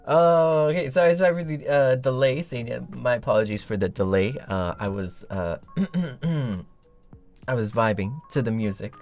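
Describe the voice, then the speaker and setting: Playful rambling man, slightly rough morning voice. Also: medium pitch, takes it slowly, pauses often, darkish tone. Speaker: livestream host. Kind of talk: casual livestream chat. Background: background music.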